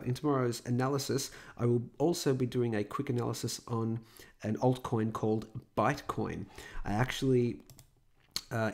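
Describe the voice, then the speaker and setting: A man hosting his own channel, giving a casual technical analysis of a crypto coin in a loose, chatty way full of fillers, his voice still a little hoarse from being sick. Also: medium pitch, darkish tone. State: slightly hoarse, recovering from illness. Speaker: crypto market analyst host.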